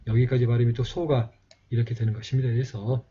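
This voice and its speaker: A man gives a lesson on old scripts, pausing often and filling gaps with small words. His voice is dark and a little husky. The recording sounds dull and muffled. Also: mid-range voice, flat delivery. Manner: slow, halting explanation with many fillers. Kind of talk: lecture on a video channel.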